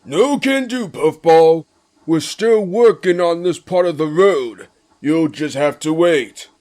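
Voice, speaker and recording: A man's voice: a little high, lively intonation, slow pace, darkish tone. A man voicing a nasty, arrogant steamroller with a sneering, pompous manner, music playing behind him. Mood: smug. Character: nasty, arrogant male steamroller who hates railways.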